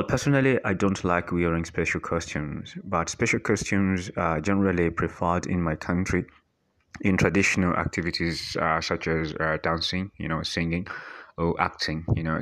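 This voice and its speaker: A man from Tanzania, hosting a podcast and answering speaking-exam questions with many pauses and fillers. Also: deep voice, a bit bright. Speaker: podcast host. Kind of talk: speaking-exam practice monologue.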